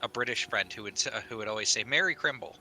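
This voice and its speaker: A man's voice: lowish voice, fast, sharp tone, rough recording. A man chatting casually and joking while playing a puzzle game with friends. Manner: joking, easygoing. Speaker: player.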